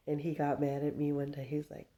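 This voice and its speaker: In a deep, mellow voice, a woman in her fifties chats casually to her viewers as a vlogger, rambling from story to story. She laughs frequently and uses baby talk with her dog.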